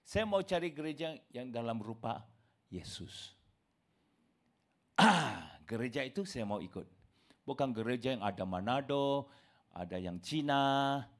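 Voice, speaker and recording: A man delivers a forceful sermon, addressing his listeners as "saudaraku," brothers and sisters. His voice swings between loud exclamations and quiet asides.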